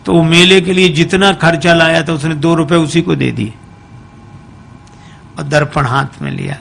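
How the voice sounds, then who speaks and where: High-voiced preacher guy, slow and gravelly, storytelling sermon, faint noise in the background. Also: a bit bright. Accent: Hindi. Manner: acts out each character's lines in quoted speech. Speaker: spiritual preacher. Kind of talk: storytelling sermon with sung verses.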